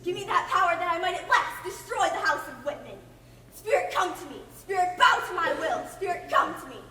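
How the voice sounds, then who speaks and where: A woman playing a vengeful villain who summons spirits, speaking with slow, theatrical menace in a melodrama. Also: very high-pitched, lively intonation, sharp tone, exaggerated voice. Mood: menacing, commanding. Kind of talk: theatrical stage melodrama acting. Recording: echoey hall, far off, noisy.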